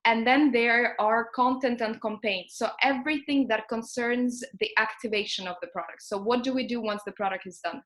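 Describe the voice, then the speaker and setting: A woman's voice: a little high, normal speed, hardly any pauses, a bit bright. A young woman from Ukraine speaks in an interview over a video call. She talks with frequent "uh"s, restarts and self-corrections as she explains her career. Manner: hesitant, many fillers and self-corrections. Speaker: alumna guest. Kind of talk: conversational interview.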